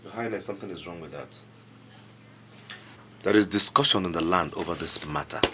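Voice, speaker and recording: A man's voice: deep voice, fairly quick, pushed and bright, a little hiss or hum. An actor playing a respectful but insistent young local government chairman with a Nigerian accent, earnest and deferential while pressing his point. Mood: urgent. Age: young adult. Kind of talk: film drama acting.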